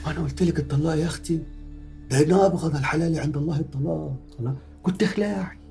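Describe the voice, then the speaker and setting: An actor with an Egyptian Arabic accent plays a scheming middle-aged man in a film drama, threatening his ex-lover in pious-sounding words. His voice is a little high, very fast, gravelly and mellow, with soft music underneath. He comes across as sanctimonious and menacing, packing his speech with religious phrases.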